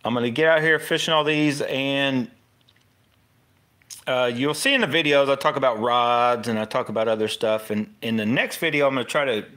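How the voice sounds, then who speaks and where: A middle-aged American man hosts a casual, unscripted fishing tutorial, rambling informally and often cutting himself off. His voice is medium-pitched and bright with a forceful tone, at normal speed.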